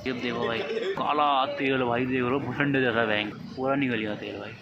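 Over a noisy crowd, a young man talks fairly quickly in a steady, mid-range voice, the audio sounding dull. He's a motovlogger filming casually on his phone at a bike service shop, chatting to camera and forever addressing viewers as brother.

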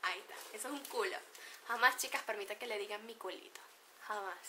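A woman's voice: mid-range voice, fast, bright, forceful tone, slight background noise. A woman with a Venezuelan accent chatting playfully to camera, laughing often as she explains slang. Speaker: beauty vlogger. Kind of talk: casual chat to camera.

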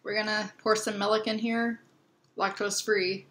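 A woman's voice: medium pitch, flat delivery, measured pace, fairly bright tone. A young woman chatting casually in a home kitchen, easygoing and agreeable, often murmuring along. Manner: easygoing, agreeable, fills with "mm-hmm". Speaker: vlog co-host. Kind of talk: casual chat.

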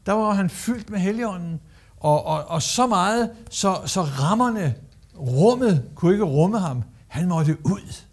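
Man, guest preacher, sermon, high voice, emphatic, repetitive phrasing. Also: animated. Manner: emphatic, repeats phrases, acts out Bible quotes.

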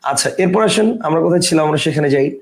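A man teaching a grammar lesson, explaining step by step and often asking whether the point is clear. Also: on the high side, rapid-fire, echoey room.

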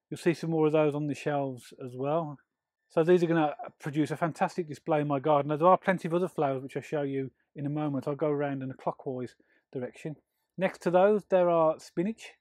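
A middle-aged man hosting an allotment tour, walking the plot and explaining what he has sown and planted in a friendly, steady way. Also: a little high, a little fast, no echo. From England. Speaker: allotment gardening channel host. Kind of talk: walking garden tour with tips. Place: outdoor allotment and polytunnel.

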